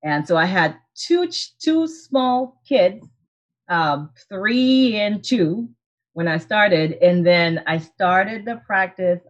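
The guest is a woman in her forties from Haiti who runs her own optometry practice, telling her story over a video call in a casual interview. Her mid-range voice is expressive and slow, captured in lo-fi sound. She stays earnest and reflective, frequently restarting and laughing softly.

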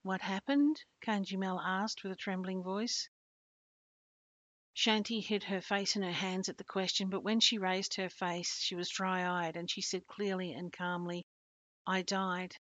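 A woman hosting a podcast reads a story aloud in a steady, earnest way. Her voice sits at a middle pitch. The recording is muffled and dry. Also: measured pace, no echo. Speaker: podcast host. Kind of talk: storytelling narration.

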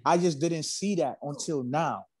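A man's voice: a little high, measured pace, darkish tone, poor audio. A man from Haiti, a musician guest, talking casually in an interview, laid-back and slangy, often repeating himself.

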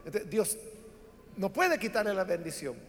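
A man preaching with a very high, lively voice that climbs and dips as he acts out a Bible story. His sermon rings with a long hall reverb. He talks to the congregation directly and explains as he goes. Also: normal speed. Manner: animated storytelling, acting out voices in Bible stories.

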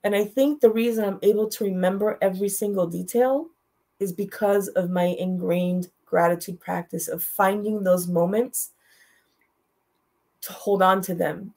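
Middle-aged woman telling her story straight, direct and heartfelt, gravelly voice. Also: medium pitch, a little mellow. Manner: direct, heartfelt, repeats phrases. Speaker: guest. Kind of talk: emotional storytelling.

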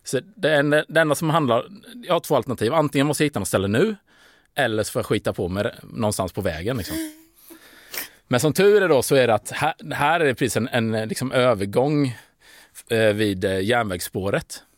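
A man's voice: mid-range voice, lively intonation, dry recording, clean studio sound. A man telling a long, rambling story on a podcast, full of fillers and restarts. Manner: rambling, hesitant, with fillers and laughing. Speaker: podcast guest. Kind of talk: casual storytelling.

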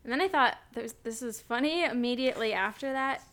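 A young woman with a slightly high voice chats about a book. She is giggly and acts out lines from the scenes as she talks. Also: fairly quick, fairly bright tone. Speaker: podcast co-host. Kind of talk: casual book-discussion chat.

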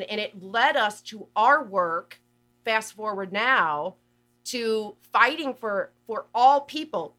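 A woman's voice: on the high side, bright, forceful tone. A woman patient advocate speaking as a guest in an interview, earnest and passionate, often restarting phrases. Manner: earnest, passionate, repeats words when thinking. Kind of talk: conversational interview.

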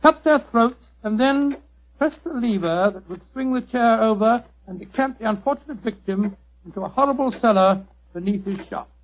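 A man's voice: high-pitched, moderate pace, natural voice. A man playing a genial, easily astonished doctor with an English accent, fussy and bluff, in old radio narration and drama. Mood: storytelling. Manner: fussy, bluff, exclamatory storyteller. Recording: noisy, dull vintage radio recording.

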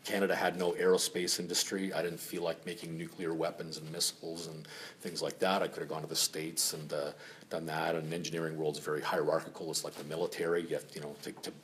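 A man's voice: extremely low pitch, level tone, fast talker, fairly bright tone, a little hiss or hum. A middle-aged man from Finland telling his life story at a lunch meeting in a frank, rambling way with many fillers. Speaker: speaker at a member spotlight. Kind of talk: casual personal story.

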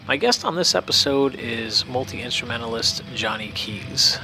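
A man's voice: medium pitch, lively intonation, normal speed, sharp tone. A man hosting a podcast, reading an upbeat scripted introduction over music. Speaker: podcast host.

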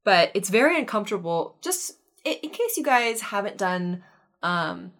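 A woman's voice: mid-range voice, very animated, normal speed, a bit bright. A woman co-hosting a podcast from a room in a house, chatting casually, laughing often and repeating words for emphasis. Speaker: podcast co-host. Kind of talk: casual chat.

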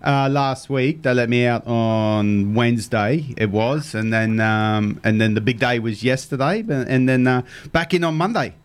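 A mid-range, smooth male voice, a little slow and with few pauses, belongs to a Queensland Australian fishing show host on the radio. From the studio, he chats casually and chummily with callers.

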